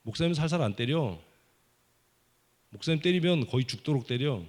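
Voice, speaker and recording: A man preaching a children's sermon at a summer Bible school service in a church, playfully teasing and quizzing the kids with quick questions. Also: mid-range voice, animated, darkish tone. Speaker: pastor. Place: church sanctuary.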